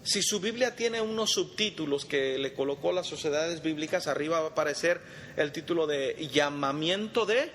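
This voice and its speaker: A man's voice: a little high, animated, normal speed, fairly bright tone. A man teaching a Bible study in a conversational way, quizzing his group and calling them brother, in a church meeting hall. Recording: long reverb, faint background noise.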